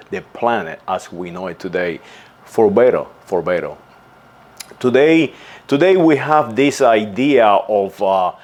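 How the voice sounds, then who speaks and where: Speaking on the low side with a darkish tone, this channel host delivers an earnest, insistent commentary off the cuff. He keeps tripping up, repeating words and restarting before continuing.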